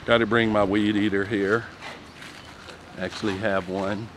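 A man's voice: fairly low pitch, little pitch movement, a little slow. A man casually narrating a walking tour of his property outdoors, rambling with fillers, filmed on a handheld phone. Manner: rambling, conversational, fillers like "you know". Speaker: vlogger giving a property tour. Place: outdoors on a street and yard in the sun. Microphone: handheld phone camera. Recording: outdoor phone recording with clear background noise.

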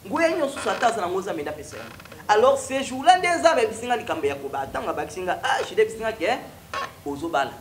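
A young man with a Congolese accent preaches his story in a TV studio, his voice rising and falling with lively energy. He moves between French and Lingala, and the room adds a roomy echo over a faint hiss. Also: high voice, fast talker. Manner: animated, switches freely between French and Lingala. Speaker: prophet guest. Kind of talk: preaching testimony in studio interview. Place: TV studio with stone wall backdrop.

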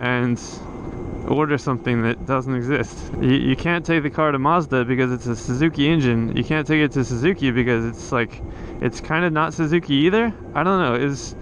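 A man's voice: medium pitch, fairly quick, background noise. A man talking casually while riding a motorcycle, rambling with lots of restarts and fillers, recorded on a helmet camera. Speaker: motovlogger. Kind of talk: casual riding vlog monologue. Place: riding a motorcycle outdoors on a coastal road.

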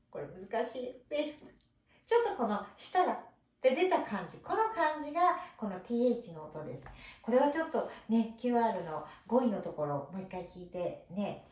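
A woman's voice: a little high, a little mellow. A woman teaching English, patiently explaining pronunciation and demonstrating each sound aloud for her students. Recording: echoey room, distant mic.

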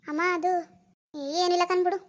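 A woman's voice: extremely high pitch, level tone, normal speed. Woman voicing a sulky young wife. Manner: soft, reluctant. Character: young married daughter, hesitant and sulky. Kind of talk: animated cartoon voice acting.

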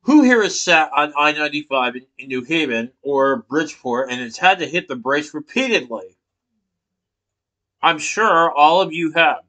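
A man in his thirties gives a persuasive class speech into a laptop webcam that picks him up from below in a small room, partly reading from notes. His voice runs on the high side and is bright, forceful and animated at normal speed. He asks rhetorical questions and gestures emphatically, but the recording quality is low.

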